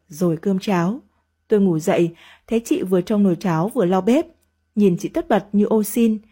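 A woman's voice: medium pitch, mellow, slightly rough. A woman narrating a first-person family story with chatty, gossipy asides.

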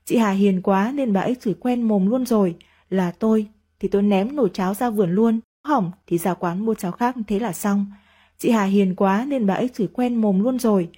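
A woman's voice: medium pitch, warm tone. A woman narrating a first-person family story with chatty, gossipy asides.

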